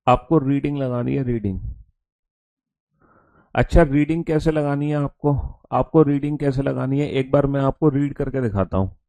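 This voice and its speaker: Male teacher, gravelly dry voice, repetitive coaxing delivery, chants drills slowly. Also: mid-range voice, mellow, dry recording. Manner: repetitive, coaxing, calls students beta; chants letter mnemonics slowly aloud. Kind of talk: online class teaching.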